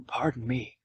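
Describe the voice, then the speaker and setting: A man's voice: sharp tone, no room sound, dull audio. A man in his twenties, drunk, hosting a podcast in loose, rambling, swearing chat, with faint music behind. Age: 20s. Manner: loose, rambling, swearing, reading aloud with mock quoting. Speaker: podcast host. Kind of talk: tipsy casual podcast chat. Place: indoors at home, Tennessee.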